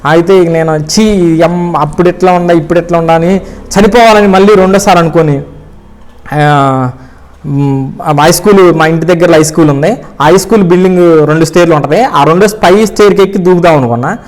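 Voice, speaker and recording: Middle-aged man, fairly high voice, earnest storyteller giving a faith testimony, slips into pleading prayer tones. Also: fairly quick, pauses often. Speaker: church member giving testimony.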